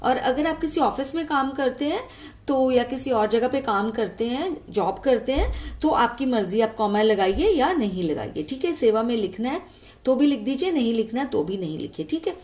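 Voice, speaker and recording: A woman's voice: a little high, animated, normal speed, darkish tone. A woman teacher patiently explaining a letter format step by step, often checking in with the listener. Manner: patient, frequent "ठीक है" check-ins.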